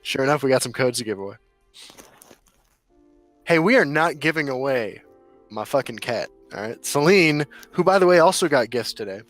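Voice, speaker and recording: A man's voice: mid-range voice, expressive, normal speed, long pauses, fairly bright tone, soft background music. A man co-hosting a gaming podcast in loose casual chat, laughing often and swearing freely. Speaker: podcast co-host.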